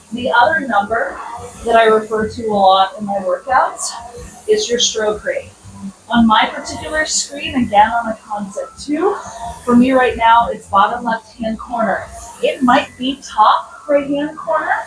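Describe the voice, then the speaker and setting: An American woman instructing a workout while exercising on a rowing machine, mixing explanations with short, encouraging commands. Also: on the high side. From United States. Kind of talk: coaching a workout with counted cues. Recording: echoey room, distant mic, noisy background.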